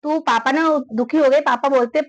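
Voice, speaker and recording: Woman, high voice, earnest, repeats herself, interviewee, dry, muffled recording. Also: normal speed, dry recording. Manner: earnest, repeats phrases and restarts often. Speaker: interviewee, daughter of the victim.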